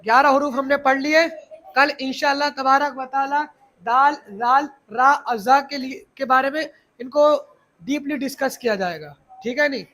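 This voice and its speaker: A man's voice: very high voice, moderate pace, pushed and bright. A male teacher explaining Arabic letters to a class of children, often asking them questions and repeating key points.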